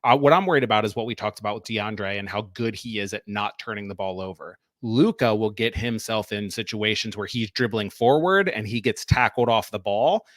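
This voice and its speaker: A man's voice: fairly low pitch, fairly quick, few pauses, a bit bright, no echo. Man, soccer podcast co-host, tactical breakdown, explanatory, dry close sound. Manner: explanatory, talks through plays step by step.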